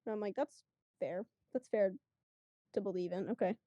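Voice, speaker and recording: Chatty woman with a dark, mellow voice. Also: medium pitch, normal speed, dry recording, muffled recording. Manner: chatty, lots of fillers, acts out quotes. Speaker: guest. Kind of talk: casual storytelling.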